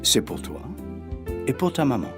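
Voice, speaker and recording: Gentle middle-aged Englishman, English accent, very low, soft, kindly, lively intonation, storybook. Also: moderate pace, music in the background.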